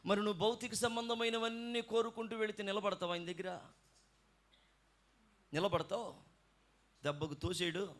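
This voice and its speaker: A man in the pulpit, preaching a fervent sermon with a high voice for a man. He drops to a near-murmur, then climbs to a shout and calls out hallelujah to the congregation. The sound carries the feel of a live church meeting. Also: steady tone, normal speed, pauses often. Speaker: pastor.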